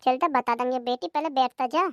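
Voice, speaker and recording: A self-pitying old cartoon mother-in-law, as a voice actor puts her on, whining about her lot in a high, thin voice. She grumbles on and on, recorded dry and close with no room around her. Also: a little fast, dry recording, lo-fi sound. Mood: complaining. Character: nagging older mother-in-law, weary and complaining. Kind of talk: cartoon comedy voice acting.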